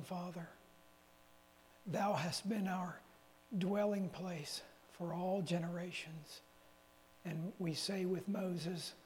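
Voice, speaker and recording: A lay preacher with a high-sitting voice and a darkish tone delivers a chatty sermon to his church assembly. He drifts from one folksy personal story to another, catching and correcting himself along the way. The recording carries the reverb of a church meeting hall and a faint hum.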